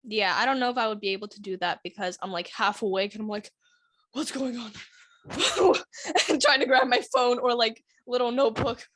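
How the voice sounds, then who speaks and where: Giggly young woman, slightly high voice. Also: a little fast, few pauses, a bit bright, no echo. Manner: giggly, laughs often while talking. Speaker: podcast co-host. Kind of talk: casual chat.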